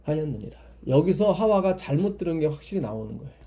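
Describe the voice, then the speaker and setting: A man's voice: a little high, sing-song, fast talker, vocal fry, mellow. A man leading a Bible study, explaining patiently and asking his listeners questions.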